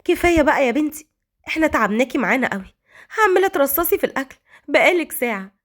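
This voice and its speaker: A woman's voice: sits high, animated, very fast. A woman voicing an older mother with an Egyptian accent, who scolds and pleads with her son. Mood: caring. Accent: Egyptian Arabic.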